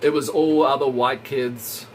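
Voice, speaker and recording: Slow-talking man chatting over a stove. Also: medium pitch, fairly even intonation, a little mellow, slight background noise, low-quality recording. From Hong Kong, raised in Australia. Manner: rambling, chatty, answers viewer questions. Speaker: live streamer. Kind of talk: casual chat while cooking. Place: home kitchen by a hot stove.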